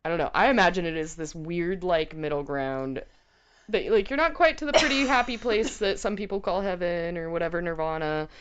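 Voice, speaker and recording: Casual woman co-host, lowish voice, meandering filler-heavy delivery, lo-fi muffled sound. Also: clear, resonant tone. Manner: rambling, halting, filler-heavy storytelling. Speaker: co-host of a challenge show. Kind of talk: casual chat.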